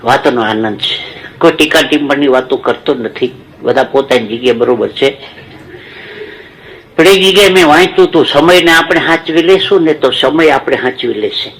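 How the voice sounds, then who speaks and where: A man's voice: mid-range voice, normal speed, a bit bright, poor audio. Folksy stage comedian, man. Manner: preachy storytelling with proverbs. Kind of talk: folksy stage joke-telling.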